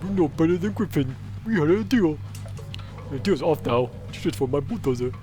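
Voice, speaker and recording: A woman voicing a gruff man grumbling about his ruined bulldozer, in a low put-on voice. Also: expressive, normal speed, over music, close to an everyday voice.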